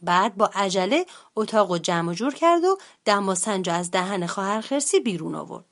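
A woman reading a children's storybook aloud as narrator, in an expressive, lively way. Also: medium pitch. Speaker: translator and storybook reader.

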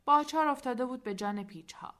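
A woman narrating a storybook, soft and at times nearly whispering. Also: high-pitched. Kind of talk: storybook reading.

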